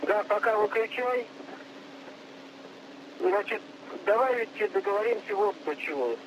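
A man with a fairly high voice acts as a mission control operator over radio. He gives procedural instructions step by step in a businesslike way. The link carries clear noise. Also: expressive, a little slow, dull audio. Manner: businesslike, step-by-step, acknowledging reports. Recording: noisy radio link, clear background hiss.

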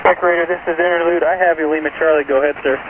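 A man working as a military radio station operator, answering in brisk, courteous, formal procedure over a crackly military radio. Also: fairly high pitch, fairly even intonation. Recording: tinny, noisy military radio link.

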